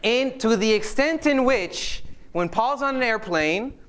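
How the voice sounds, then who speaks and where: A man preaching a live sermon to a congregation, animated, putting questions to his listeners and dropping joking asides. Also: extremely high pitch, unhurried, a little hiss or hum.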